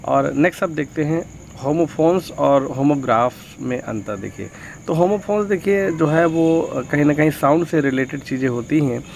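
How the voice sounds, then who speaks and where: A male tutor explains grammar in a gravelly voice. He reads each example sentence slowly and fills his pauses with hesitant sounds. A faint hiss sits under the recording. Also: a little high, darkish tone. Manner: mixes Hindi and English, reads examples slowly, frequent fillers. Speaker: English teacher.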